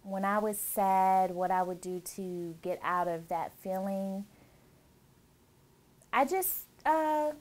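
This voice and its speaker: A woman's voice: medium pitch, slow pace. A woman in her thirties who grew up in Germany, cheerfully recalling her childhood in a chatty interview with lots of laughs and fillers. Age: 30s. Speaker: interviewee, bride-to-be. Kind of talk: relaxed interview answers.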